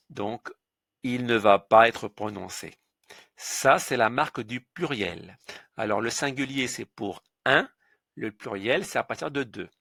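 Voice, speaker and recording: A man teaching French pronunciation in a slow instructional lesson, patiently spelling out sounds letter by letter. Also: medium pitch, gravelly, a bit bright, no echo, clean studio sound.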